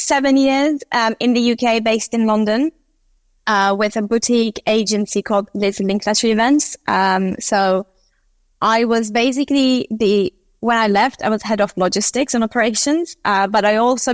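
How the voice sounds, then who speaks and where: A woman's voice: mid-range voice, dry recording. Chatty woman from Turkey. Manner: chatty, uses many fillers. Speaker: SEO consultant guest. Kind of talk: casual interview talk.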